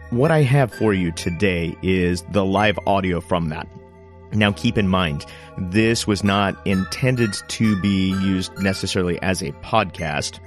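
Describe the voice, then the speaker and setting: A man hosting a talk radio show, chatting casually with fillers and slipping into a smooth announcer tone. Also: sits low. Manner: relaxed, chatty, with frequent fillers; smooth announcer tone when presenting. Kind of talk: casual podcast introduction and live chat. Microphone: informal live-stream setup.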